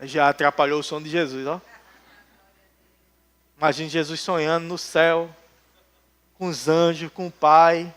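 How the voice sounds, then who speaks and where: A man preaches in a church, his voice pitched high. He keeps the sermon light with jokey stories and acts out the voices of the people he quotes. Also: flat delivery, normal speed, pauses often, a bit bright, smooth. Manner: joking storytelling, acts out quotes. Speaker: pastor. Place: church hall.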